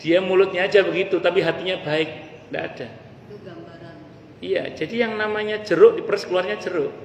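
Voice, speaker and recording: A man's voice: high-pitched, fairly even intonation, fast talker. A man giving a casual, humorous religious study lecture in a mosque, addressing the ladies in the audience directly. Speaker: preacher. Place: mosque hall. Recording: echoey hall with faint ambience.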